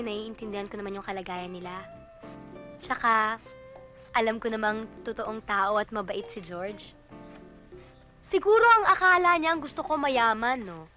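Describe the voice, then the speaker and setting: An actress playing a young blind woman waiting for eye surgery, speaking in a gentle, emotional way. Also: a little high. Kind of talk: film acting.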